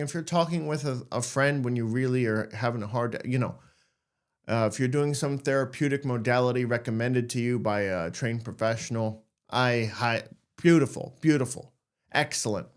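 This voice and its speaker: A man's voice: mid-range voice, normal speed. Man hosting a candid self-help podcast. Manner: candid, jokey, acts out anxious thoughts. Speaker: podcast host. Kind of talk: casual self-help monologue.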